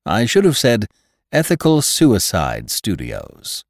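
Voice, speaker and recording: A male narrator heavily acts out an exuberant old doctor who lectures on order in a grand, emphatic, rhapsodic style, like a pompous storybook orator. His pitch swoops wildly, climbing and leaping, at a slow pace. The sound is dry and close, with no room sound.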